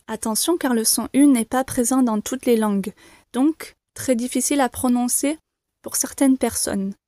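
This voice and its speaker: A woman teaching the alphabet to beginners, saying each letter slowly and clearly, repeating it and reassuring learners. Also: fairly high pitch, dark tone, dry recording, studio quality. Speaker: French teacher. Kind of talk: slow, careful pronunciation lesson.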